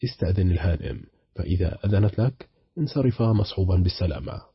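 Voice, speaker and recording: A man with a very deep, husky voice reading the lines of a cold, sarcastic betrayed husband in a storybook. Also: quick pace, no echo, dull audio, full character voice. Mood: cold mocking. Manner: icy, mocking, calm.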